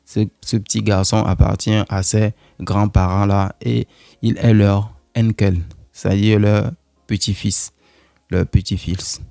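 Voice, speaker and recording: A man teaching a German lesson in French, slowly repeating words, with many fillers and asides to viewers. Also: fairly low pitch, little pitch movement, creaky, warm tone, no echo. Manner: slow, repetitive, with many fillers.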